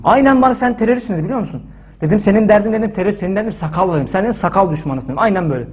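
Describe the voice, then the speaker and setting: A man with a husky, high-set voice tells his story at a quick clip. He is animated and indignant, and he leans into every quoted line of dialogue. It is casual spoken storytelling. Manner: animated, acts out quoted dialogue with frequent "dedim"; indignant and emphatic.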